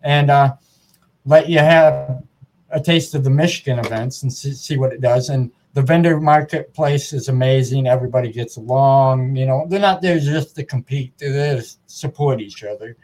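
A man's voice: mid-range voice, normal speed, a little mellow. Friendly chatty male podcast host. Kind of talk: casual podcast interview.

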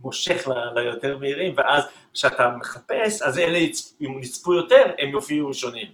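A man and music teacher explaining rhythm in an interview, patiently counting beats out loud and voicing drum patterns. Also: mid-range voice, lively intonation, roomy sound.

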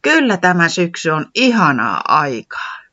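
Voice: medium pitch, huge pitch swings, pushed and bright, lo-fi sound. A storyteller voicing a cheerful forest creature who loves autumn, in a children's storybook reading. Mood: cheery.

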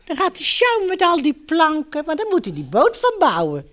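A woman's voice: sits high, normal speed. A woman reading a picture book aloud to children and talking to them directly as she turns the pages. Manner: animated, addresses children directly. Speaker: children's story reader.

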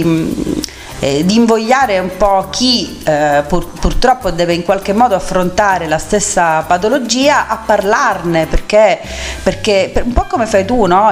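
A woman hosts a radio interview in a mid-pitched voice. She talks effusively, halting and repeating her phrases as she goes. Faint music runs behind her. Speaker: radio host.

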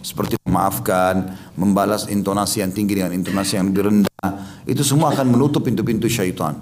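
A man's voice: sits low, steady tone, quick pace, background noise. Man preaching a religious lecture. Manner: explanatory, cites hadith numbers, recites Quran in Arabic. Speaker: Islamic preacher.

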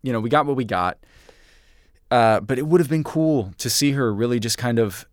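A man's voice: mid-range voice, expressive, normal speed, dry recording, studio quality. A man co-hosting a podcast in casual chat, talking in enthusiastic, rambling stretches that often stop and restart. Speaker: podcast co-host.

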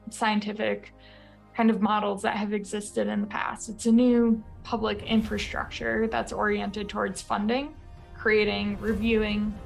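Measured woman with a gravelly edge. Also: medium pitch. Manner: measured, explanatory, with frequent fillers. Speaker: podcast guest. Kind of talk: presenting slides in a remote interview.

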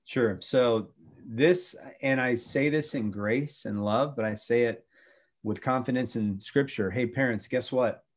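A man's voice: mid-range voice, a little slow. A middle-aged man, a former youth pastor, talking about faith and family in an earnest, preachy way with many restarts.

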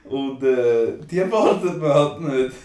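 A man's voice: mid-range voice, unhurried, darkish tone. A young man with a Swiss German accent, co-hosting a podcast and telling a story in slangy casual chat full of tag questions. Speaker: podcast co-host. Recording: echoey room, distant from mic.

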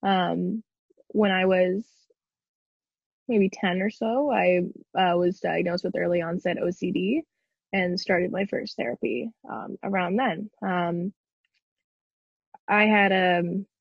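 Young woman guest, husky and gravelly, hesitant delivery, heard through a dull, low-quality video-call line. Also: steady tone, no echo. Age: young adult. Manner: hesitant, frequent filler pauses. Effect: low-quality video-call audio. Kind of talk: casual interview conversation.

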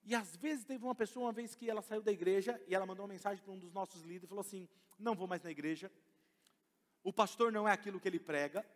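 A high-pitched, fast-talking middle-aged man preaches a sermon as pastor, speaking to the congregation directly and with emphasis in a Brazilian Portuguese accent. The church hall lends the recording a long reverb.

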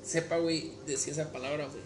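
A man with a Mexican accent, a cook chatting on a podcast, fast and slangy, often repeating his words. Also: on the high side, steady tone, echoey room, over loud music. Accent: Mexican Spanish. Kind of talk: casual chat.

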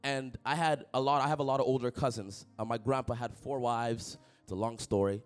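Faint music plays behind a young Toronto pastor as he delivers an animated sermon, telling jokey personal stories and calling out to his congregation. He speaks briskly at medium pitch.

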